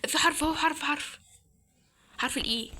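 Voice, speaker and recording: A woman's voice: high voice, fast talker, pushed and bright, slight background noise. A young woman with an Egyptian Arabic accent, chatting and thinking aloud as she plays a horror game, with startled exclamations. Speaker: gaming channel host. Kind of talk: let's-play commentary.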